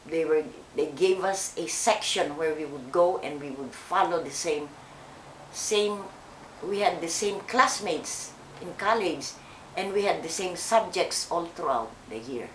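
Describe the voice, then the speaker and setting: An older woman from the Philippines, recalling her life slowly and haltingly in an oral history interview. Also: deep voice, lively intonation, roomy sound, slight background noise, low-quality recording. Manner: slow, hesitant, with many fillers and restarts.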